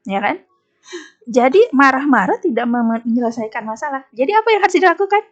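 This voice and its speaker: Animated Indonesian woman telling stories. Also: high voice, fast, dull audio. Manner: emphatic, animated storytelling with acted quotes. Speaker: Islamic women's speaker. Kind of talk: talk show conversation.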